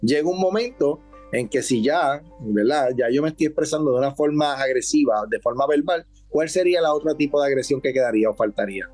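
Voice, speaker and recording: A man with a Puerto Rican accent, a counselor on a health talk show, explaining in a calm, measured way and often asking for agreement. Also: a little high, faint music behind. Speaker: substance abuse counselor.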